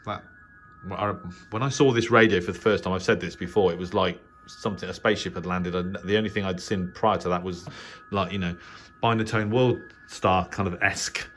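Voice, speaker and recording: Indoors in a small spare-bedroom radio shack, a middle-aged English channel host and shortwave enthusiast narrates an unscripted hobby tour. He talks briskly in a low voice with a steady, fairly bright tone, though his delivery is hesitant and rambling. Noise is clearly audible in this home room recording.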